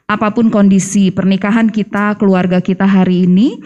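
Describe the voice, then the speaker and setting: A woman's voice: mid-range voice, a little fast, muffled recording. A woman counselor and co-host, telling personal stories in casual talk, acting out dialogue. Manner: animated storytelling, acts out quoted dialogue. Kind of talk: casual talk-show sharing.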